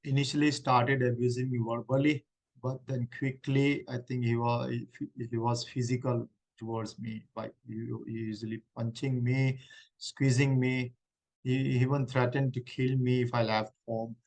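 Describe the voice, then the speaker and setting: A man playing a halting woman refugee claimant. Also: medium pitch, flat delivery, darkish tone, lightly acted, rough recording. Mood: earnest. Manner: halting, many restarts. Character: middle-aged woman refugee claimant, distressed. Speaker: claimant in mock hearing. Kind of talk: mock hearing role-play.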